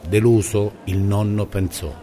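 Low, calm male storyteller. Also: unhurried, very noisy. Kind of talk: scripted storybook narration.

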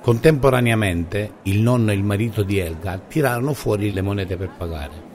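A man narrating a children's story in a calm, measured way. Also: lowish voice.

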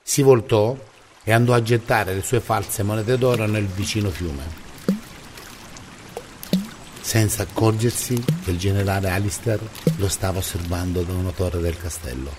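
A man narrating a children's story in a calm, measured way. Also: fairly low pitch, background noise.

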